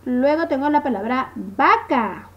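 Sing-song lively woman teacher, slow. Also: high voice, lo-fi sound. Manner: slow, sing-song teacher talk, stretching words, asking "¿sí?". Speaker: primary school teacher. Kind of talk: remote first-grade phonics lesson.

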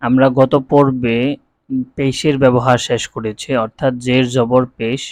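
A man teaching Quran reading, spelling out letters and vowel marks one syllable at a time, with quicker explanations between the drills. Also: mid-range voice, flat delivery, no room sound. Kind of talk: recorded spelling lesson.

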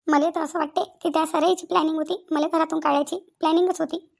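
Give me a woman playing a stubborn young wife, fast and high-pitched. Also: level tone, gravelly. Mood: aggrieved. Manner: complaining, repeats herself. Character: sulky stubborn young wife at her mother's. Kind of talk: cartoon voice acting.

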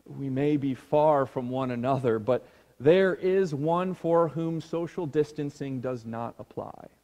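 A man preaching a sermon as a pastor, slow and hushed, sinking almost to a whisper on key words. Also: mid-range voice, in a large hall. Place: church sanctuary.

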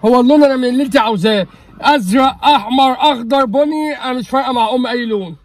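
Young egyptian guy, high pitched, talks super fast, annoyed and scolding, street noise. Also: no echo. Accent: Egyptian Arabic. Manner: agitated, scolding, swearing oaths. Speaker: husband in a prank video. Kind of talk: casual heated argument. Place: outdoors on a street.

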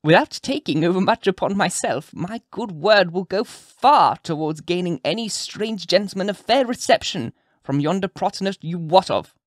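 A man's voice: high voice, lively intonation, normal speed, hardly any pauses, dry recording, clean studio sound, pitched above the performer's own voice. A man voicing a grand, sly old witch woman who cackles and speaks with crafty knowingness. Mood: sly, insinuating.

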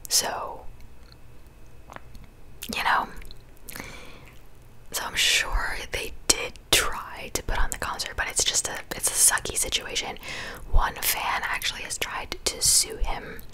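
Slow and full of long pauses, this young ASMR creator's whisper still carries a bright, forceful tone. She's in her twenties, sharing casual gossip from a small bedroom right up against a big studio mic, though the audio quality is poor.

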